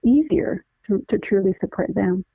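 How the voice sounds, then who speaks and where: A woman's voice: medium pitch, lively intonation, creaky, husky, dry recording. Earnest woman explaining over a tinny phone line. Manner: earnest, many restarts, deliberate explaining. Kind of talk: conversational interview, explaining.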